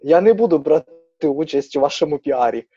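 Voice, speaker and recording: Young man, podcast host, teasing, playful, husky, dark tone. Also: on the high side, expressive, fairly quick, dry recording, dull audio, soft background music. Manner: playful, teasing, mixes in Russian words. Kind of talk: casual podcast chat.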